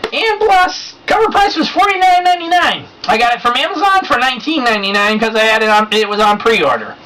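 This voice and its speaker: A man hosting his own review show in a casual vlog style, excitable and chatty, laughing often as he talks. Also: extremely high pitch. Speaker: show host reviewing comics and movies. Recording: distant mic with faint background noise.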